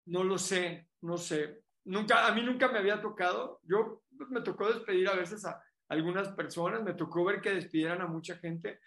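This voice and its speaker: A man from Mexico with a Mexican Spanish accent, a motivational speaker telling an animated, emphatic story in a casual interview. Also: sits high, normal speed, hardly any pauses, echoey room.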